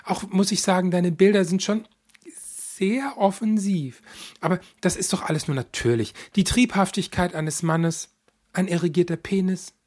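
Audiobook: male reader doing prying, unfazed mum, higher register, husky edge, breezy. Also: a little mellow. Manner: chatty, matter-of-fact about shocking things. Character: nosy middle-aged mother, unflappably frank.

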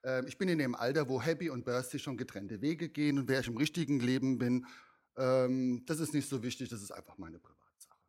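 Drag artist man from Mainz, medium-pitched voice, chatty interview answers. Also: a little fast, darkish tone. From Mainz, Germany.

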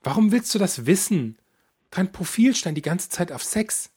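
A nosy middle-aged mother chats about shocking things as if they were small talk, as a man puts her on. The voice sits well above his own, a little husky, raised in level, breezy and unbothered. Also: high voice, sing-song, moderate pace, a little mellow, pitched above the performer's own voice, exaggerated voice. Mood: prying. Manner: chatty, matter-of-fact about shocking things.

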